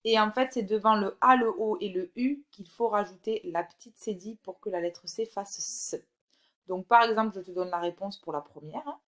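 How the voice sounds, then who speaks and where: A woman teaching a recorded phonics lesson to young children, reading words slowly and clearly and encouraging the child directly. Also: mid-range voice. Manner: slow, clear, drawn-out word by word reading. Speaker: primary school teacher.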